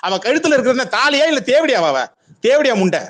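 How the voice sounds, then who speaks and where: Man, high voice, rapid-fire, aggressive and mocking, arguing on a phone call. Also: big pitch swings, a bit bright. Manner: aggressive, taunting, profane. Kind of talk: heated online audio-room argument.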